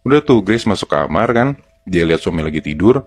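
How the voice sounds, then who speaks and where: Low-voiced Jakarta man telling horror stories. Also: expressive, fairly quick, slightly rough. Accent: Jakarta Indonesian. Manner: colloquial, step-by-step narration. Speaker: podcast storyteller. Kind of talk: casual horror storytelling to friends.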